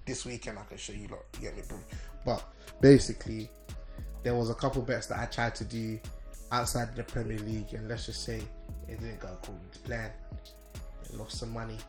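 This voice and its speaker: A man's voice: on the low side, fairly even intonation, a little fast, a little mellow, roomy sound. Slangy London roadman, music behind. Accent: London, urban roadman slang. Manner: slangy, ends phrases with bro and fam. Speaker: sports presenter on the show. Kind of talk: casual banter.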